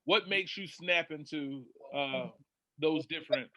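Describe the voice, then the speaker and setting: A man speaking as a panel guest in casual discussion, measured and opinionated. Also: on the high side, sharp tone, dry recording.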